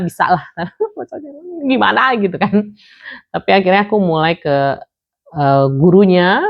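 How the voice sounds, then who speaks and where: A woman vlogger with a low voice tells a personal story in a chatty, rambling way. She fills pauses and restarts often, and slips English words into her sentences. The recording sounds dull and lo-fi. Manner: chatty, many fillers and restarts, drops English words into the talk. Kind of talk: casual storytelling.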